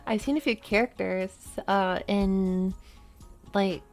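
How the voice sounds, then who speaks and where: A woman's voice: mid-range voice, steady tone, slow pace, a little mellow. Woman, game streamer, casual rambling chat, faint music behind. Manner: chatty, rambling, many "like" fillers. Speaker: VTuber streamer.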